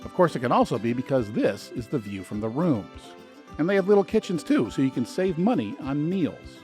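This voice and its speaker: A man's voice: medium pitch, big pitch swings, a little fast. A man narrating a travel video as a guide, scripted and informative, with dry, lightly sarcastic asides. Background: soft background music.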